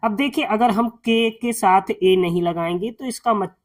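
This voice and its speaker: In an unhurried lesson styled like a classroom, a male tutor with a high-set voice goes step by step, patiently repeating every sound and spelling.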